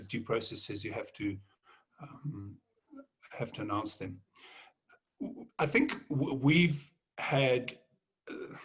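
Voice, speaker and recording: A man answering on a panel, halting and often repeating words as he thinks. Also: mid-range voice, slightly rough. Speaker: panelist, mining executive.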